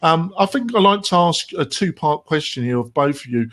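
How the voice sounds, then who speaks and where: A man's voice: a little high, animated, fairly quick, fairly bright tone. An English man hosting a casual panel discussion, asking questions with lots of ums and dry sarcasm. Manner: sardonic, filler-heavy questioning. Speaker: host.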